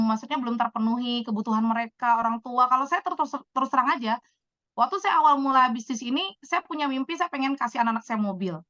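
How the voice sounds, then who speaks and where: A chatty woman in her thirties with a high, bright voice tells her stories with animated emphasis. The sound is dry and a little dull. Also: no room sound. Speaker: business speaker answering questions. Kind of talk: casual talk-show answers.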